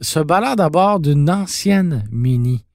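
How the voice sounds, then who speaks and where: A man with a Québécois French accent co-hosting a podcast, telling stories in a teasing, animated way. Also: fairly high pitch, slow pace, dry recording, studio quality. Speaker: podcast co-host. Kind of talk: casual podcast chat about car films.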